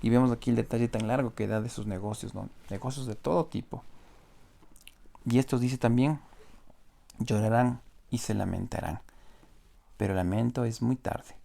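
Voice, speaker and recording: Gravelly man preaching a sermon. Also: medium pitch, normal speed, pauses often, mellow. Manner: explanatory, asks rhetorical "¿no?" often. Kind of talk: sermon teaching on scripture.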